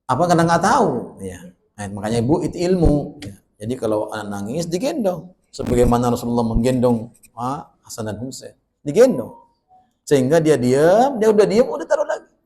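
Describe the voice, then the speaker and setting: Lively middle-aged male preacher. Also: mid-range voice, echoey room. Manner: conversational, asks the audience questions; swings between loud bursts and soft asides. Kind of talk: religious study talk. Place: small prayer room.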